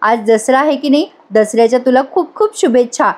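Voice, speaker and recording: Woman reading motherly older lady, affectionate, coaxing, fairly high voice. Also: animated, a little fast, a little mellow. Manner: affectionate, coaxing, calls the girl "child". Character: kind motherly older woman giving blessings.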